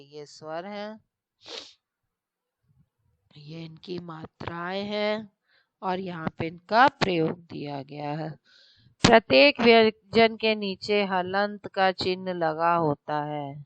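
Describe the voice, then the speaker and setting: Slow, patient woman teacher. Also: lowish voice, clean tone, no room sound, muffled recording. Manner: slow, explaining step by step with examples; addresses students directly, checks with "theek hai". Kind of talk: recorded online class lesson.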